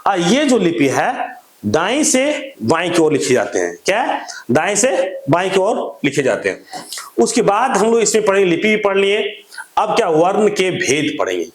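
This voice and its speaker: A man teaches a grammar lesson in a lively, up-and-down voice that sits a little high. He keeps asking questions and answering them himself, going over each point again. The sound is roomy and echoey. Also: normal speed. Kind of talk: classroom-style grammar lesson. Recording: echoey room.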